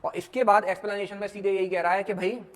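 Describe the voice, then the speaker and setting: High-voiced man teaching law. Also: flat delivery, quick pace. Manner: storytelling, mixing Hindi and English, asks students questions. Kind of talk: exam lecture.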